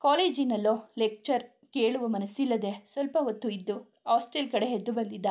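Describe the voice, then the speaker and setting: A woman reading a serialized romance aloud at an even, steady pace. Her voice sits a little high and sounds warm and mellow. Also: moderate pace. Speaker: storyteller. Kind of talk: serialized story narration.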